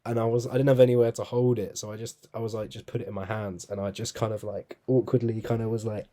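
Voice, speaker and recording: A young man co-hosts a podcast, telling stories in a casual chat with plenty of laughs in a laid-back way. His voice sits on the low side and has a dark tone, and he talks fast with a flat delivery.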